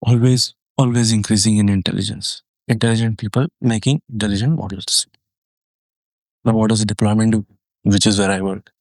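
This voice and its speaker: A man in his thirties giving an explanatory tech talk, conversational with restarts and fillers, getting animated as he explains. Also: normal speed, no echo. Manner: animated, rising pitch when excited.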